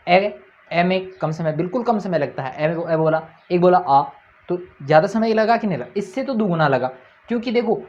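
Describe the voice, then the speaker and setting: A man's voice: sits high, dull audio. A man teaching a grammar lesson at a board. He keeps asking his own questions, answers them, and repeats each point.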